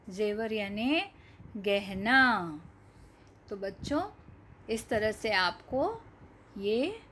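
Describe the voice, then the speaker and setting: A woman teacher giving a children's reading lesson, stretching out each word slowly and asking the class to repeat. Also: on the high side, slight background noise. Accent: Hindi. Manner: slow, drawn-out word-by-word reading with repeated questions. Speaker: primary school teacher.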